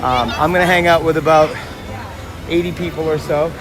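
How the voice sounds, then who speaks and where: His voice on the high side and worn raspy from concert yelling, a man hosts a casual walking livestream outdoors in a busy theme park. He chats at normal speed, addressing both viewers and passersby, while music and the sounds of the park and vehicles carry on around him.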